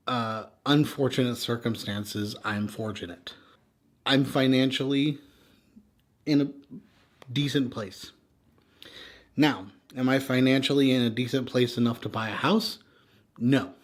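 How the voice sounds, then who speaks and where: An American man talks off the cuff in a weary, burnt-out way. His voice sits at an average male pitch and tends to trail away at the ends of thoughts. He is frank and unpolished, venting like a vlogger with no script. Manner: exhausted, weary, sighing and trailing off; frank, swearing. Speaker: vlogger venting personal frustrations. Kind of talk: candid unscripted rant.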